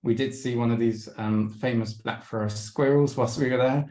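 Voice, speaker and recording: Giving a webinar travel talk with slides over video call, this man keeps restarting and saying um while his voice gives out and he clears his throat. He has a steady, mid-range, slightly mellow voice at normal speed, heard in an echoey room.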